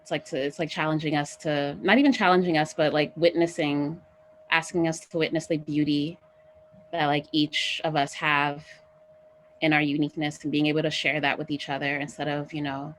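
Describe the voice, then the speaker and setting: A woman's voice: deep voice, flat delivery, moderate pace, a bit bright. A young woman in a casual group discussion, talking loosely with many "like"s and "you know"s.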